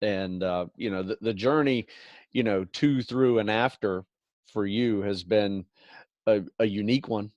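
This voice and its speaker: Low-voiced middle-aged podcast host. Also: male voice, measured pace, a little mellow, dry recording, muffled recording. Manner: agreeable, many "you know" fillers, advisory. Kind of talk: casual podcast conversation.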